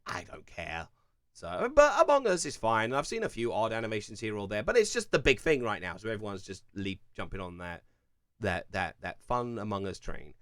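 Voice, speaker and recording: A young man with a Kent accent talks through viewer comments on his live stream, rambling loosely with lots of "um"s and restarts. His pitch swings around animatedly, and the recording is dry and close with no room sound. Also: very animated, a little fast, fairly bright tone, no room sound. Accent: English, Kent. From England. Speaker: streamer answering chat. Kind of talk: casual live-stream chat.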